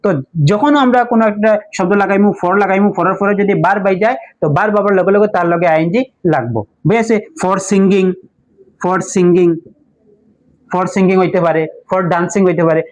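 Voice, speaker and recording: A man with a high voice and a Sylheti Bengali accent patiently teaches English at a moderate pace in a classroom-style explanation, posing questions and answering them himself and spelling words out letter by letter. The sound is lo-fi.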